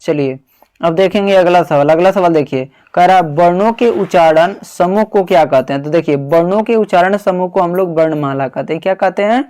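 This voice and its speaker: A man runs an exam-prep grammar lesson in a slightly high voice. He asks each question aloud, then answers it and repeats it for the student. He sounds out syllables and keeps ending with a reassuring "okay". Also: a little fast, a little mellow, clean tone. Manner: calls the listener "babu", sounds out syllables. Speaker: teacher.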